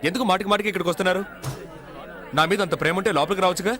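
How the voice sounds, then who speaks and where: A man's voice: sits high, very fast, sharp tone, some chatter behind. A sly, defiant jailed con man. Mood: irritated. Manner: mocking and scornful. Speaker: dubbing actor. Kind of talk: dubbed film acting.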